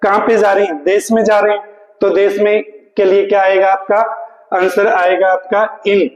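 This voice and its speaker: Man, exam-prep English teacher, high pitch, long hall reverb, asks and answers his own questions. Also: level tone. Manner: questions then answers himself, calls students "beta", reads English lines slowly. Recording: echoey room with long reverb.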